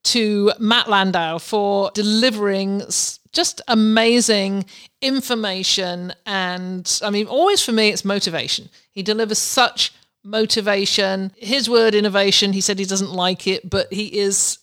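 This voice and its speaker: Female podcast host, middle-aged, medium pitch. Effusive, personal, unscripted address straight to the listener. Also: unhurried, fairly bright tone.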